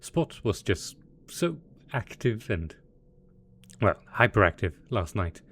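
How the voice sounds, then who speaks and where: A man with a lowish, bright-edged voice performs a full character voice, very animated and slow, as a gleeful, smug mad scientist supervillain boss who dotes possessively. The audio drama roleplay is theatrical and playful, and he plays it mock-innocent, chuckling.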